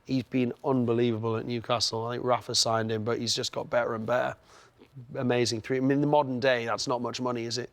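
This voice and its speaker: A man's voice: medium pitch, level tone, quick pace. A man presenting sports news on a breakfast show, jokey and rambling in the banter between items. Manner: jokey, rambling, trails off mid-sentence.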